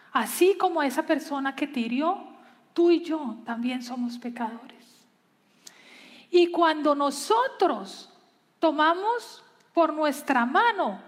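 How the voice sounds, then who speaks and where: A woman preaching a sermon in an earnest way, pausing and slowing down to stress her points. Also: sits high, in a large hall. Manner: earnest, pausing, slows for emphasis.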